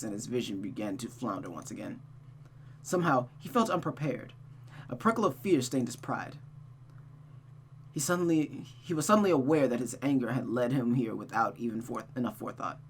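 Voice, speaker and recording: Like a streamer, a narrator reads a visual novel aloud with dramatic storytelling flair in a mid-range voice, fairly quick and lively in intonation. Noticeable hum and background noise run through the recording.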